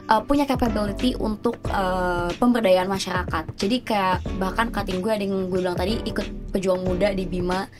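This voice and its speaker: A woman's voice: mid-range voice, fairly quick. A young adult woman who cannot roll her r's, chatting casually and slangily and acting out what people said. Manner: animated, acts out quoted remarks. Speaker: podcast guest, student and radio announcer. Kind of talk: casual chat, slangy storytelling. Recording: music bed behind the voice. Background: music.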